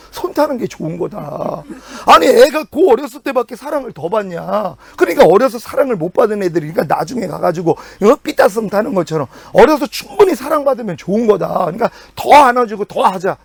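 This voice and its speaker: Animated gravelly-voiced preaching man. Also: no echo. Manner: animated preaching with sudden pitch jumps and quiet drops. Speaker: pastor. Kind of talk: sermon.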